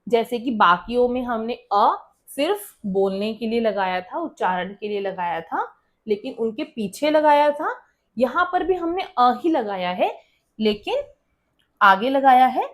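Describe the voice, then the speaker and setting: A woman's voice: on the high side, sing-song, unhurried. A woman teacher explaining a school lesson, often asking students a question and then answering it herself.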